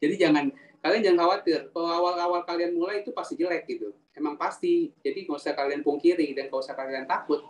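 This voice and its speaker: A man giving a casual, animated public speaking talk in a live webinar, asking the audience questions and reading their chat comments aloud. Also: on the high side. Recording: roomy sound, mic at a distance, faint ambience.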